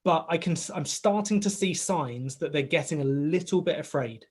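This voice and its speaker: A man in his thirties co-hosting a casual podcast, telling a rambling, animated story full of "like" and "right?" and acting out bits of dialogue. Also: a little high, normal speed, breathy edge. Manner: acts out quoted dialogue in the story. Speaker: podcast co-host, father of a young boy. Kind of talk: casual chat.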